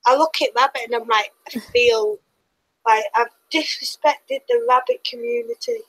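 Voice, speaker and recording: A woman's voice: fairly high pitch, big pitch swings, moderate pace, gravelly, a bit bright, no room sound, rough recording. A woman co-hosting a casual stream chat, giggly and rambling. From Britain. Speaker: co-host.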